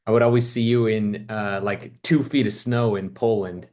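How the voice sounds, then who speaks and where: Friendly guy asking interview questions, kinda low voice, upbeat. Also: steady tone, normal speed, a little mellow. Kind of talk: casual interview.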